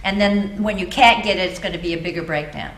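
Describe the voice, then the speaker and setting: A woman's voice: lowish voice, quick pace, a bit bright. Woman drama teacher coaching in echoey room. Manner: drama teacher giving encouraging, coaching feedback. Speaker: acting teacher. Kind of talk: spoken class critique. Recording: roomy echo, clear background noise.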